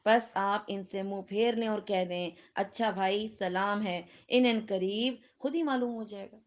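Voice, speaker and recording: A middle-aged woman with a Pakistani Urdu accent, lecturing a Quran class and putting questions to her students. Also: mid-range voice. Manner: questions the students and laughs with them.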